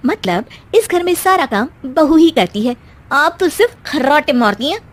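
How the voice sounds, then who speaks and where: A feisty young daughter-in-law from a cartoon family comedy, acted by a woman. Her voice is very high and lively, swinging up and down as she bickers. She sounds sulky, sarcastic and indignant. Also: measured pace. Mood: teasing, defiant. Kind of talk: animated family comedy story acting.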